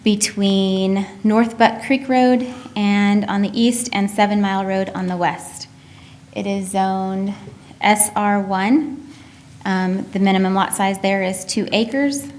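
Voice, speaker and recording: A woman's voice: mid-range voice, steady tone, slow, darkish tone. A woman on planning staff reading out a formal report at a public meeting.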